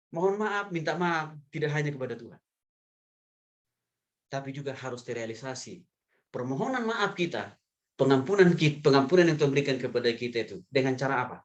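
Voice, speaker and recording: A male pastor giving a sermon in a lively, humorous way, chuckling often and addressing the men in the congregation directly. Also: mid-range voice, highs cut off.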